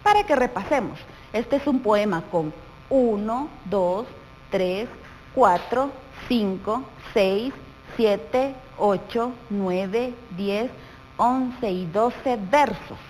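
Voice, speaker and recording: A woman teacher with a Guatemalan Spanish accent, explaining a lesson to young pupils slowly and patiently, often asking them questions. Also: mid-range voice, a little mellow, slight background noise, rough recording. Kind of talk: televised primary school lesson.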